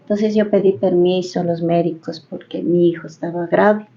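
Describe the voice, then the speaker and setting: A woman's voice: on the low side, fairly even intonation, moderate pace, dark tone, muffled recording. A middle-aged woman with an Ecuadorian accent tells her own story in a radio interview, acting out the conversations as she retells them. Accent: Ecuadorian Spanish. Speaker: interviewee, head of a families' association. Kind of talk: personal testimony on community radio.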